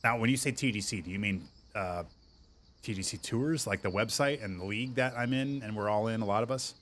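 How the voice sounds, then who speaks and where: Chatty male streamer with a lowish voice. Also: fairly quick, a little hiss or hum. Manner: chatty, answers viewer chat, excitable over good shots. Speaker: gaming streamer. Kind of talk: casual livestream game commentary.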